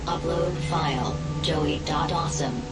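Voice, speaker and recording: Glitching low computer system. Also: female voice, a little slow. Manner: flat clipped machine announcements, repeating errors. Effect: glitching robotic computer voice. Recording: echoey distant game audio under loud music.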